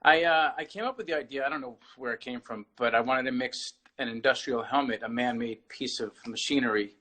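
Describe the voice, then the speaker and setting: A man's voice: medium pitch, fairly quick, bright, forceful tone, low-quality recording. A man, an artist, talking casually as a guest on a video-call interview, rambling and often restarting his phrases.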